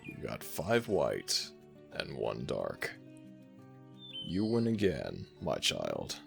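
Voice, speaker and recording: A man performs an ancient jackal god for an ASMR audio roleplay, using an extremely deep, gravelly rumble that's slow and soothing. With huge pitch swings and a full character voice, he teases the listener affectionately, gentle, fond and playfully self-mocking, in a playful warm mood, while soft guitar music plays faintly underneath.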